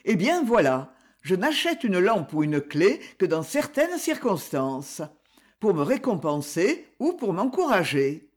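Woman reader as polite, erudite gentleman; slow and lilting. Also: lowish voice, sing-song, breathy edge, heavily acted. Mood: courteous. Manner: polite, gently self-deprecating. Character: refined erudite male collector, courteous. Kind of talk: audiobook character reading.

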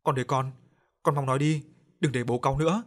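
A man's voice: mid-range voice, steady tone, fast talker, natural voice. A man voicing a frantic middle-aged mother who wails and begs. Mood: desperate pleading. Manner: wailing, begging.

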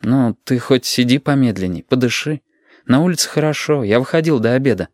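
A man voicing a young son, ill but gently teasing, speaking in a soothing, earnest way. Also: mid-range voice, brisk, dry recording, lightly acted.

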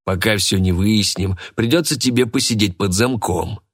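A man's voice: lowish voice, slightly rough. Man playing a curt tough detective. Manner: curt, measured. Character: curt middle-aged police detective, hard and unimpressed.

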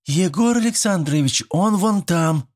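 A man reading an audiobook, voicing an excited teenage schoolgirl who calls out urgently. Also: high voice, unhurried, pitched above the performer's own voice. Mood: alarmed.

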